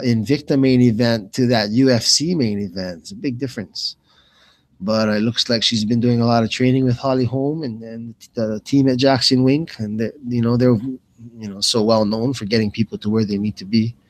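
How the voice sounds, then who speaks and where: A medium-pitched man at a moderate pace does live play-by-play of a fight for radio as host. He's casual and rambling, frequently repeating himself while thinking aloud.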